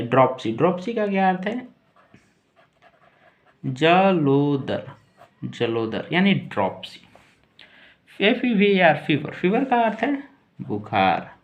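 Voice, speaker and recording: A man gives a slow, patient language lesson. His pitch rises and falls a lot as he spells each word letter by letter. He repeats every word several times. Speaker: English teacher.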